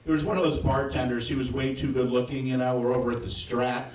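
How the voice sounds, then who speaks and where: A man's voice: mid-range voice, little pitch movement, quick pace, a little mellow. Stand-up comic, male, fifties, crude and rambling, heard from back in a roomy club. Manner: crude, rambling, with frequent asides to the audience. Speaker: stand-up comedian. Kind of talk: live stand-up set. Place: comedy club stage. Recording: roomy, distant club recording.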